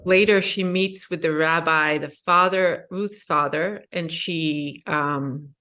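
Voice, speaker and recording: A woman's voice: low voice, fairly even intonation, slow, bright, forceful tone. A middle-aged woman asks a personal question at a book talk, hesitant and full of fillers. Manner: hesitant, many fillers and restarts. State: emotional, voice rising. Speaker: audience member asking a question.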